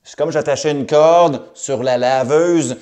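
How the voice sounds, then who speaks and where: A man's voice: on the high side, a little slow, mellow. A man with a Québécois accent teaching a recorded math lesson, upbeat and cracking jokey asides.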